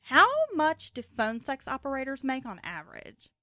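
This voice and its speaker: A woman's voice: sits high, lively intonation, normal speed, sharp tone, dry recording, studio quality. A woman co-hosting a casual true crime podcast, talking in a brassy, joking way. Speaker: podcast co-host.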